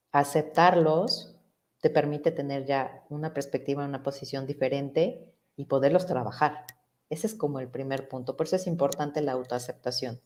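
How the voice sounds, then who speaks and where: A middle-aged woman psychologist, appearing as a guest, speaks in a low, slightly mellow voice. She explains ideas reflectively in a conversational way, posing rhetorical questions as she goes.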